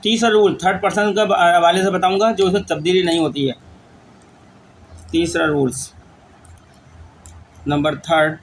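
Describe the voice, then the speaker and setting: A man teaching English grammar, dictating rules slowly word by word as he writes them out. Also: sits high, fairly even intonation, a little hiss or hum, low-quality recording. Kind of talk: lecture explaining grammar rules.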